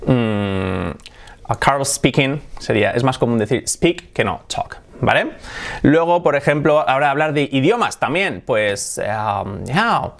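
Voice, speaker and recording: A man's voice: mid-range voice, expressive, unhurried, vocal fry. A man with a Spanish accent from Spain hosting a casual English lesson, drilling pronunciation by repeating words. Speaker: English teacher and host.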